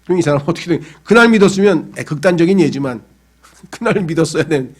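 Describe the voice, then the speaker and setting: A man's voice: a little high, animated, fast talker. A pastor preaching a sermon in a conversational way, acting out the voices of the people he talks about. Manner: conversational preaching, acts out quoted voices of believers.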